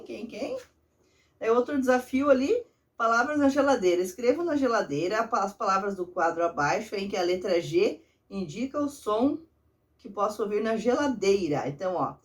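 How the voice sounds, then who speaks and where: A woman's voice: medium pitch, far from the mic. Encouraging woman teacher, slightly off-mic. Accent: Brazilian Portuguese. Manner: patient, encouraging, explains step by step to children. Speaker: primary school teacher. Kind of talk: remote lesson walkthrough of a workbook.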